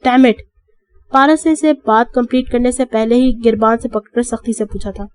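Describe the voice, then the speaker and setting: A woman narrating an audiobook in steady storytelling style. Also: fairly high pitch.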